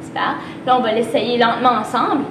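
A woman's voice: high-pitched, expressive. A young woman with a Canadian French accent leading a demonstration of tongue twisters as an instructor, carefully articulating. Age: young adult. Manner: articulates tongue twisters, slowly then faster. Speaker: theatre workshop leader. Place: theatre stage, indoors. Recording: roomy, distant microphone, clear background noise.

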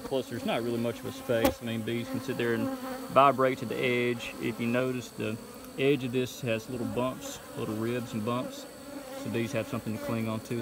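A man's voice: mid-range voice, background noise. Man explaining beekeeping outdoors, bees buzzing. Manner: relaxed, explaining step by step. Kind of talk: casual how-to vlog. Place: outdoor bee yard. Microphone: phone camera held while working. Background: insects buzzing outdoors.

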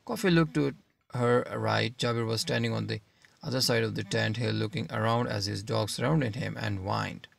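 A man narrating an audiobook in a steady, measured reading. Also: fairly low pitch, creaky.

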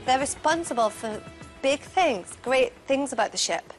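Woman, interview, chatty, high lively pitch, loud music behind. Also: normal speed.

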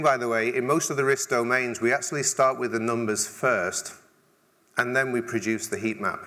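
A conference speaker from England, middle-aged, gives a conversational keynote on a large stage in a mid-range voice with a sharp tone. Dry humor and frequent restarts run through his talk.

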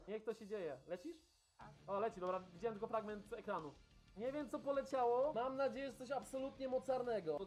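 Chatty male streamer opening packs. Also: extremely high pitch. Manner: chatty, thanks viewers while reacting. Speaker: game streamer. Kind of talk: live-stream pack-opening chat.

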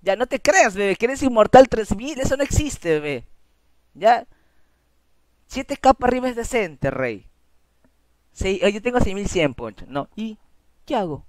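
A man's voice: high voice, very animated, normal speed, long pauses, dry recording. A young man with a Peruvian Spanish accent, telling stories casually to his stream chat, slangy and laughing a lot.

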